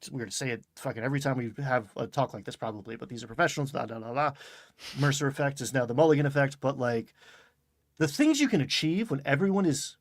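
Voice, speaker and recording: A man co-hosting a podcast, talking in an animated way with quick bursts and casual swearing. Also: mid-range voice, dry recording, studio quality. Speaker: podcast co-host. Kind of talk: casual chat.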